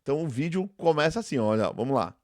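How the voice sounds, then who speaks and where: A man's voice: medium pitch, lively intonation, fast talker, a little mellow, dry recording, studio quality. A Brazilian man, a theology professor, hosting a reaction commentary in a conversational way, repeating his points and talking straight to his viewers. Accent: Brazilian Portuguese. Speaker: theology professor and channel host.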